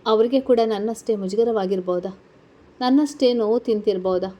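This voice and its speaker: A woman's voice: on the high side, a little fast, mellow, highs cut off, natural voice. A woman voicing a tearful, guilt-ridden young college woman in a read-aloud story, asking anxious questions. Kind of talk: storybook character reading.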